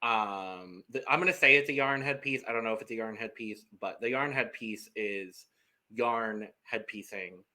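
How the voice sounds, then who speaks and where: A man co-hosting a podcast in casual chat, animated and playful, jumping in with quips. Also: lowish voice, moderate pace. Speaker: podcast co-host.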